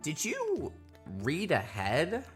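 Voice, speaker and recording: A woman's voice: lowish voice, huge pitch swings, extremely slow, soft background music, exaggerated voice. An actress playing a puzzled young woman questioning her friend.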